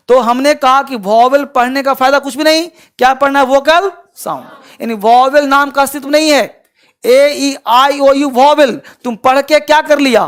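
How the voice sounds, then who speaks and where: A man's voice: very high voice, fairly bright tone. Man teaching in Hindi. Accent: Bhojpuri-region Hindi. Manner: asks the class questions and answers them himself; mixes English terms into his teaching. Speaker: English teacher. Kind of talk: live online class.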